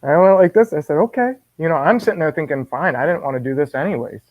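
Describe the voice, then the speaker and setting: A man guest telling a personal faith story in an animated way, often restarting and repeating words. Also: a little high, very fast, dry recording. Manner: animated, acts out his own quoted words. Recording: dull dry lo-fi sound.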